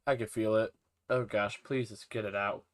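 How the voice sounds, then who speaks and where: A young man chats casually on a live game stream, rambling to viewers and talking to the creatures in his game. His fairly low voice is steady at normal speed, yet stuffy and nasal, as though he's about to sneeze.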